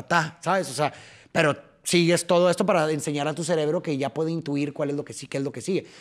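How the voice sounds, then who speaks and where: A young man with a Mexican accent, a podcast guest explaining things in a casual, animated way, sometimes tapping out rhythms. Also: a little high.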